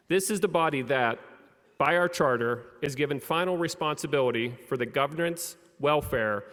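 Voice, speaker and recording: A man giving a measured, formal commencement address at a podium microphone in a large theater, presenting the graduates. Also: mid-range voice, a bit bright. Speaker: college official presenting the graduates. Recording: long reverb of a large theater.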